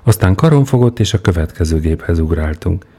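A man narrating a first-person story as an audiobook reader, in a measured, unhurried manner. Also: low-pitched, lively intonation, warm tone, husky.

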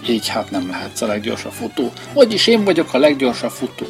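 A boastful young hare bellows his claims in a lifted, lively voice, as a man puts him on. The storybook delivery swings up and down, with a gravelly edge underneath. Violin music plays clearly behind him. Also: lowish voice, heavily acted. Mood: insistent. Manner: loud boastful shouting. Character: boastful little male hare, eager and cocky.

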